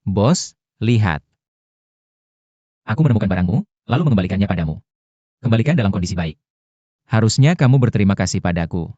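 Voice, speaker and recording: A pushy man wheedles his boss, as an actor dubs him. His voice is low and dark. The sound is dry and slightly dull. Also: expressive, fairly quick, long pauses, no echo, lightly acted. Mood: wheedling. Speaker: dub actor. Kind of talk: dubbed drama acting.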